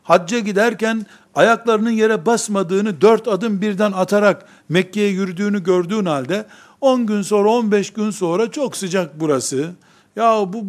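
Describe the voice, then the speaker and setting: A man delivering a sermon with a high-pitched voice. He speaks emphatically and rhetorically, stacking short phrases and slipping into the voices of the believers he describes. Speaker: preacher.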